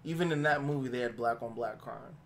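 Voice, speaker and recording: A man co-hosting a casual podcast chat, excitable and laughing, often cutting in and saying "bro". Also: medium pitch, brisk. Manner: excitable, laughing, interrupting, says "bro" a lot. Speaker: podcast co-host.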